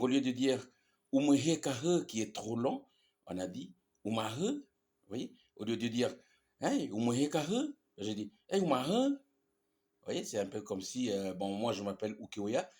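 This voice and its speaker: A male teacher walks through grammar examples at an unhurried pace. He repeats each word, drawing it out slowly, and checks in with "ok?" as he goes. His pitch moves around a lot as he stresses the examples. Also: darkish tone. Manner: patient, repeats examples, many fillers and checks with "ok?". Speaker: language teacher. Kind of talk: explaining grammar in a language lesson.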